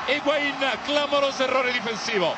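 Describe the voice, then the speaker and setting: A man commentating live on football in clipped phrases that rise into excited shouts. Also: very high voice, normal speed. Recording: loud stadium crowd noise. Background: roaring football stadium crowd.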